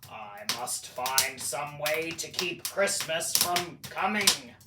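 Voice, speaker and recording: A man's voice: on the high side, expressive, takes it slowly. A man voicing a sour, scheming middle-aged grump of a storybook creature, snarling and sneering with theatrical emphasis. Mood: sneering disgust. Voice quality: snarling, growling. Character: sour, scheming male Grinch, fifty-three-year-old green grump. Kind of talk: theatrical storybook character reading. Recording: roomy, distant mic, faint noise.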